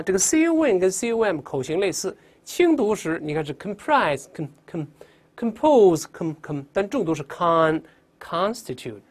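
A teacher giving a classroom English vocabulary lesson in an emphatic way, drilling pronunciation aloud and often ending phrases with a soft 啊. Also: mid-range voice.

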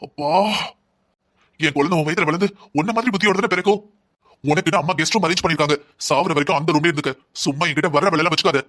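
A man's voice: on the high side, rapid-fire, fairly bright tone, natural voice. A man doing a cold, resentful young husband. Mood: contemptuous. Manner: harsh, contemptuous, defiant. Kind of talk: cartoon drama dubbing.

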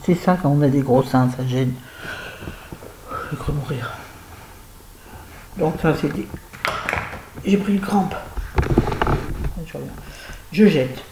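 A woman's voice: low voice, slow, pauses often. A woman chatting casually to her viewers as she reviews used-up beauty products, with wry, self-mocking asides. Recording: roomy echo, faint background noise.

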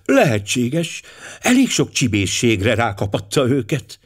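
A man's voice: medium pitch, wildly swooping pitch, breathy edge. A man voicing a worried American mother, speaking earnestly and pleadingly. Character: anxious American mother, middle-aged woman.

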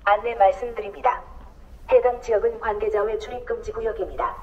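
Woman's voice, a stern security warning over a station loudspeaker, heard from far off in a very echoey hall with dull sound and loud noise around it. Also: medium pitch, steady tone, fairly quick. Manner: stern, clipped and official. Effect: station loudspeaker announcement. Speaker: automated station security announcement. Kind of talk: formal recorded warning announcement. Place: large indoor train station.

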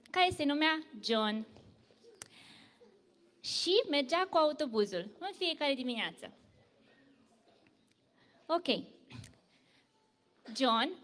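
A woman telling a story to children at church, lively and full of questions for the kids. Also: high-pitched, long reverb tail. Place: church hall.

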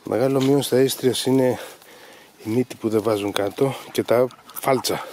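A man's voice: mid-range voice, steady tone, a little mellow, a little hiss or hum. A man training hunting dogs, explaining each step methodically and calling to the dogs outdoors in the fields. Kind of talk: instructive commentary over training footage.

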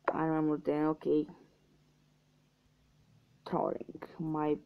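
A man's voice: a little high, fairly even intonation, gravelly. A young man from Romania giving casual let's-play commentary, muttering guesses and swearing at losses. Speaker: gaming youtuber. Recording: dull lo-fi mic with faint hiss.

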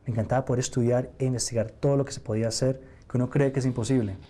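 Young Nicaraguan-born man, warm relaxed voice, casual reflective studio interview. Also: mid-range voice, very fast. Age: young adult. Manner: casual, reflective, with fillers and restarts. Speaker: mentalist interviewee. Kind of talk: interview answers. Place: TV studio set.

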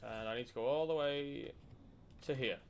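A man's voice: mid-range voice, moderate pace. A man chatting casually and teasing his partner while playing a video game. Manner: bantering, teasing, swears when excited. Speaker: gaming channel host. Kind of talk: casual gameplay chat.

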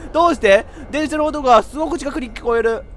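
A man playing a horror game, giving joking running commentary and breaking into sudden shouts. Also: very high-pitched, normal speed. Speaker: VTuber game streamer.

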